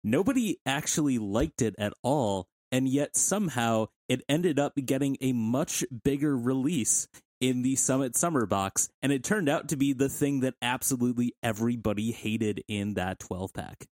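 A man's voice: mid-range voice, normal speed, darkish tone, no room sound, studio quality. A man co-hosting a sports podcast in casual conversation. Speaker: podcast co-host.

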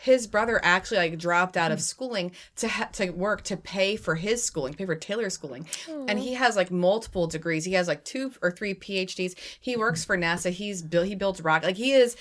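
Lower-voiced playful woman. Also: brisk, fairly bright tone. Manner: playful, laughs often, jokes in asides. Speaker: podcast co-host and teacher. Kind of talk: casual chat.

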